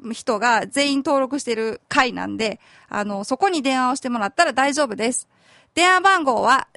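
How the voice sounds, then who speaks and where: High-voiced woman with a Kansai accent. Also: a bit bright, no room sound, studio quality. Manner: chatty, informal, thinks aloud. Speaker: lawyer and radio host. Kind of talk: community radio talk show. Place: radio studio.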